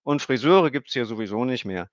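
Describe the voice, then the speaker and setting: A man's voice: mid-range voice, lively intonation, a little fast, no room sound, voice pushed up, lightly acted. A blunt, know-it-all little girl from a storybook who rattles off facts in a matter-of-fact, lecturing way, as a male narrator puts her on. Her voice sits well above his own. The recording is dry and a little dull. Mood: chatty.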